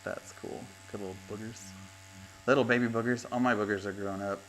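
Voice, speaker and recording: Grandfatherly tattoo artist host in his fifties, low-ish voice, laughing storyteller, faint hum behind. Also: fairly even intonation, brisk. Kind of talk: casual chat. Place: tattoo studio. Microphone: lapel mic.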